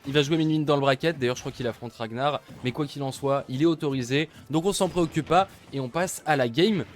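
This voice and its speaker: A man commentating an esports match, lively and chatty, easily amused. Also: a little high, fairly quick.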